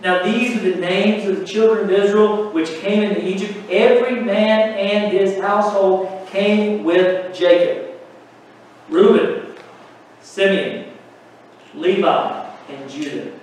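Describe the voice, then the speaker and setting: A man preaches a sermon in a high voice, pressing his points with emphatic rhetorical questions. He speaks slowly and deliberately. The recording is heavily echoey and distant, with a faint hum underneath. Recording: echoey room from far off.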